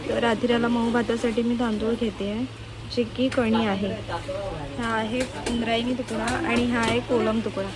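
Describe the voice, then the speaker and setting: A young mother vlogs on her phone while shopping, coaxing and scolding her small child through a busy outdoor market and into a shop. Her voice is on the high side with little pitch movement, at normal speed. Crowd noise and market bustle fill the background.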